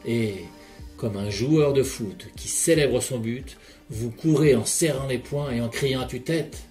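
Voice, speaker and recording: A hypnotherapist leads a guided relaxation session, his medium-pitched voice calm and measured as he addresses the listener directly in the second person. Soft music plays in the background.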